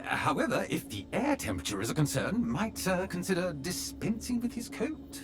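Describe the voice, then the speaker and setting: A man's voice: high-pitched, sing-song, moderate pace. A man voicing an obsequious male butler robot in a video game. He speaks formally and calls his master sir. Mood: polite. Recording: game audio with music underneath.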